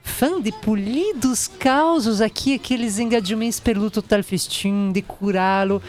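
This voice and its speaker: A woman co-hosting a radio interview, asking questions in a measured way in Occitan. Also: on the high side, a little mellow, slight background noise. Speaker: radio co-host.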